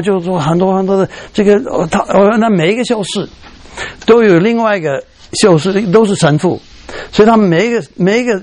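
Animated middle-aged male preacher. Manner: animated storytelling, voice jumps high when acting out emotion; mixes English fillers like "OK" into speech. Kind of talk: sermon.

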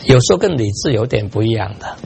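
Older male pastor with a gravelly voice. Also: on the low side, fast, very noisy. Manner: animated storytelling, mixing in English words, laughing at himself. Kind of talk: sermon with personal stories.

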